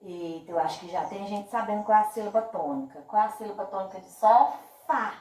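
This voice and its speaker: A Brazilian Portuguese-speaking woman teaching a primary school class by video, drawing out each word slowly and speaking with affectionate diminutives. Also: mid-range voice, darkish tone, echoey room, recorded from a distance, low-quality recording. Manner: slow, drawn-out emphasis on words. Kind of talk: remote class video lesson.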